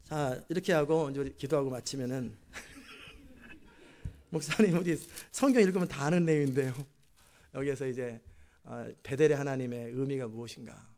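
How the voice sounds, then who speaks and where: In a church sanctuary, a male pastor with a medium-pitched voice preaches a sermon, retelling a story with animation and tossing chatty asides to the congregation.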